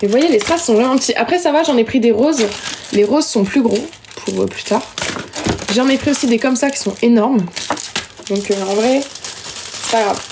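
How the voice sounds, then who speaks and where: A woman's voice: on the high side, moderate pace, noisy background. A young woman chatting casually with viewers during a live stream, self-mocking and talkative, recorded on a phone at home. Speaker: livestreamer.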